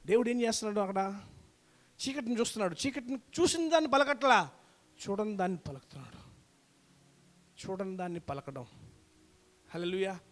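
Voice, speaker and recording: A man from India preaching a fervent sermon in a church, swinging between shouts and low, intense passages and repeating his phrases. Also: expressive, a little fast, pauses often, big-room sound.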